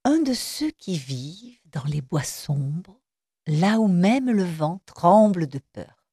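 A woman reads a children's story aloud with slow, ominous drama. Her voice is dark, husky and low, and she draws every phrase out. The sound is dry and close. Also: big pitch swings, no room sound.

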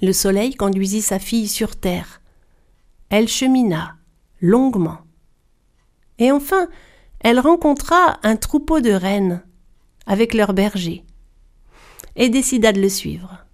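A woman narrating a folk tale in a measured, even storybook style. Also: mid-range voice.

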